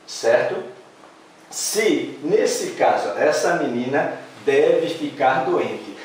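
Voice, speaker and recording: Brazilian guy teaching grammar, slow and deliberate, far off mic, echoey classroom. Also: mid-range voice, slight background noise. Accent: Brazilian Portuguese. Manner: slow, questions and answers himself, stresses syllables. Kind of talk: grammar lesson. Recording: echoey room, mic at a distance.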